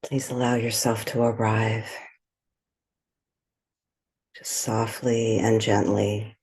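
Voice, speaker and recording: At a very unhurried pace, a woman leads a meditation in a soft, husky voice with a breathy edge. Her gentle, soothing delivery comes in short phrases with room between them. There's also a bass voice with little pitch movement.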